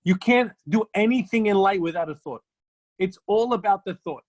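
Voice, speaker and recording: A man's voice: sits high, normal speed, darkish tone. A rabbi teaches an ethics class with emphatic, storytelling delivery. He leans on repeated phrases to drive each point home. He speaks from the pulpit in an unpolished, conversational way.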